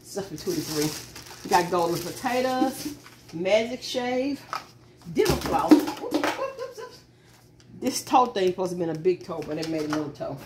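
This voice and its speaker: A middle-aged vlogger chats casually with her viewers while driving, then shows off her groceries at a kitchen table, drifting from one topic to the next. Her voice sits fairly low and is very animated at a normal speed. The car portion is noisy.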